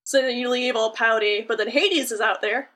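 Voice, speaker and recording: Bright, animated woman podcast co-host. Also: fairly high pitch, normal speed. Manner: animated storyteller, acts out characters. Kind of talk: casual chat.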